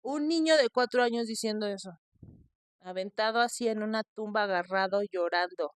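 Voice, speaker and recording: A woman, hosting a podcast and telling a story in a lively way, acting out what the people in it said. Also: mid-range voice, moderate pace, clean tone, dry recording. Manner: animated retelling with quoted voices. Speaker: podcast host.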